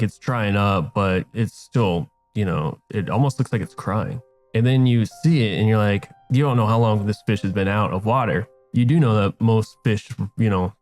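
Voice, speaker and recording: A man running a tabletop game as game master, narrating in a relaxed way with fillers and restarts. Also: on the low side.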